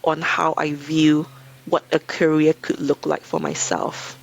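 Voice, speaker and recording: A woman in her thirties from Malaysia with a Malaysian accent, speaking as a podcast guest in a measured, reflective way. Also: sits low, little pitch movement, gravelly, dull audio. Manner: thoughtful, measured, frequent hedging "I think". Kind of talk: reflective interview talk.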